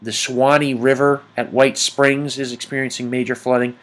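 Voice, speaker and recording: Man giving a halting weather briefing. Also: mid-range voice, little pitch movement. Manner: hesitant, halting delivery with frequent ums. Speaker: amateur weather report host. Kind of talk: informal weather briefing over screen maps.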